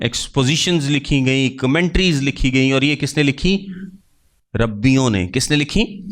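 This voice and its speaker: A man's voice: medium pitch, a bit bright. Man preaching with call-and-answer questions. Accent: Pakistani Urdu. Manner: asks questions and answers them himself, repeating key terms. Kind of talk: sermon teaching.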